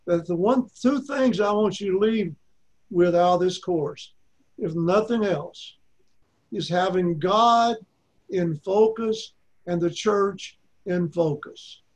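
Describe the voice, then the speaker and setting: An older man with an Arkansas accent teaches a Bible class in a high, light voice. He speaks in a folksy way, driving his points home by repeating them. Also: slow pace.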